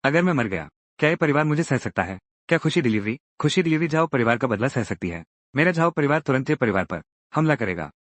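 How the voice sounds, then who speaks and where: A man dubbing a spoiled, blustering young heir in a drama, stammering threats. His pitch swings widely as he talks, and the studio sound is dry and close. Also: sing-song, fast, no echo, close to an everyday voice. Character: arrogant rich young heir turned begging coward. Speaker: dub actor. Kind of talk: Hindi dub of a drama series.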